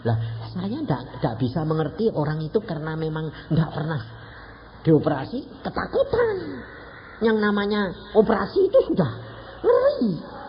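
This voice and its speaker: A man's voice: moderate pace, faint music behind. An elderly man in his eighties with a Javanese accent, preaching a sermon and telling stories, often asking the congregation questions and acting out the dialogue. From Indonesia (Central Java). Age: around 80. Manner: lively, asks the congregation questions, acts out dialogue. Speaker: evangelist preacher. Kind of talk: sermon with anecdotes. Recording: dull low-fidelity recording with faint noise.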